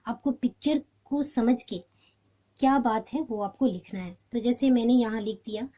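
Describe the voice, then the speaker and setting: Woman teacher, patient and mellow, walking students through a lesson. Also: fairly high pitch, moderate pace. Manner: patient, explains step by step. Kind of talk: homework walkthrough lesson.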